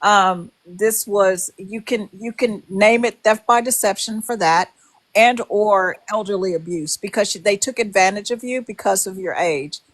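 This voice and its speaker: A woman's voice: medium pitch, unhurried. A woman in her sixties in casual livestream chat, talking in a direct, advising way. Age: 60s.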